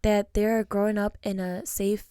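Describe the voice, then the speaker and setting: Animated young woman, chatty co-host. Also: mid-range voice, unhurried. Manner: emotional, animated, many fillers. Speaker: podcast co-host. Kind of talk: casual chat.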